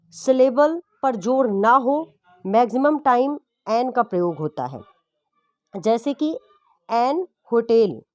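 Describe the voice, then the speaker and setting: A woman's voice: sits high, no room sound. Woman teaching grammar. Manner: patient, repeats and checks understanding. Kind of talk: explaining English grammar to exam students.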